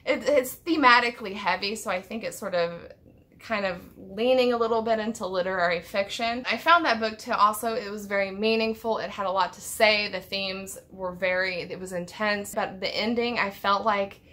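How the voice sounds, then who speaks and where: Bright-voiced woman musing about books. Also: medium pitch, normal speed. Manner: thoughtful, rambling, restarts often. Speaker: book vlogger. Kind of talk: unscripted book tag vlog. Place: home room with packed bookshelves.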